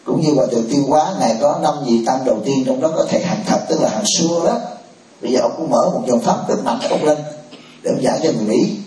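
A man speaks as a Buddhist monk hosting a temple discussion, chatty and fond of joking asides. His voice is mellow and dark. He is heard from across an echoey hall rather than close to the mic. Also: mid-range voice, fast. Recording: roomy hall, from a distance.

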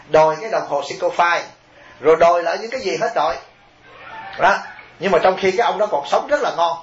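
A man, a Buddhist monk, telling stories in a lively sermon and asking his listeners questions directly. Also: on the high side. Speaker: Buddhist monk giving a dharma talk. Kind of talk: storytelling sermon. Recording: roomy, dull lo-fi recording with faint hiss.

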